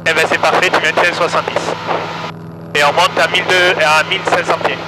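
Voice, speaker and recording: A male flight instructor talking over a cockpit headset, working through checklists in a calm, methodical way. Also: fairly high pitch, brisk. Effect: pilot talking over a cockpit headset. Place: small plane cockpit. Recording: loud engine noise behind.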